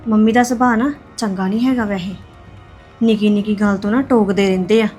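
A woman's voice: mid-range voice, steady tone, brisk, darkish tone, husky, faint music behind, lightly acted. A woman playing a scheming young married woman who sweet-talks a newcomer. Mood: confiding. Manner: sly, confiding.

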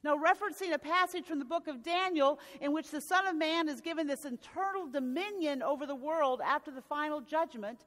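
A woman's voice: high-pitched, fairly quick, few pauses, fairly bright tone. A woman pastor preaching a sermon, telling a gospel story with a few restarts along the way. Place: church sanctuary. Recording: reverberant church sanctuary.

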